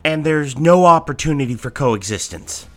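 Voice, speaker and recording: Casting: actress for a sarcastic survivor sidekick woman in audio drama, low pitch with lively, exclamatory swings. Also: moderate pace. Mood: defiant, sarcastic. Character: wry, sweary survivor sidekick, incredulous.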